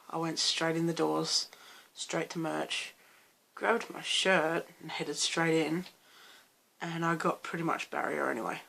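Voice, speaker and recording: Croaky Australian young man vlogging. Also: fairly high pitch, pushed and bright. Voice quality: gravelly fry. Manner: rambling, loose, with many restarts and fillers. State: croaky, hoarse voice. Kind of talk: casual late-night vlog chat.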